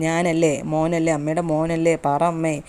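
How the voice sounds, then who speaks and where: A woman's voice: sits low, little pitch movement, moderate pace, darkish tone, lightly acted. A woman reading the lines of a grown son who anxiously pleads with his mother in a serial recap, in a coaxing, earnest manner. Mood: pleading.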